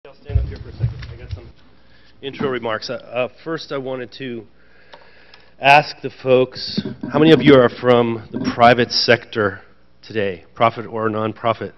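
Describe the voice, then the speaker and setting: An association president on a conference panel gives chatty remarks laced with light self-deprecating jokes, speaking at medium pitch with fairly even intonation and a moderate pace. The conference room audience adds crowd noise, and the event audio is dull and lo-fi.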